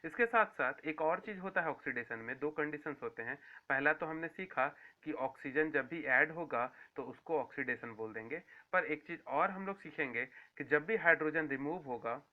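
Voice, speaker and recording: A man's voice: on the high side, expressive, normal speed, few pauses. A man giving a school science lecture, repeating key terms and asking then answering his own questions. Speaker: science teacher. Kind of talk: classroom lecture to students. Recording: tinny phone-like sound.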